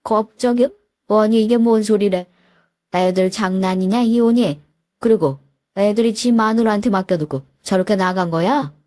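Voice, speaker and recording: A woman voicing a gruff old father. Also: mid-range voice, measured pace, a little mellow, no room sound, clean studio sound, lightly acted. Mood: shocked. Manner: gruff, scolding, plain-spoken. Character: blunt worried old father in his seventies.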